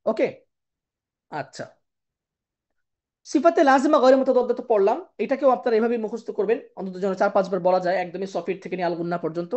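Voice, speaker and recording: Brisk woman teaching in a lo-fi recording. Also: mid-range voice, darkish tone. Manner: explains patiently, checks in with "ঠিক আছে?" and "কেমন?"; chants Arabic terms slowly in pairs. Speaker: Quran recitation teacher. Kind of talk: online tajweed lesson.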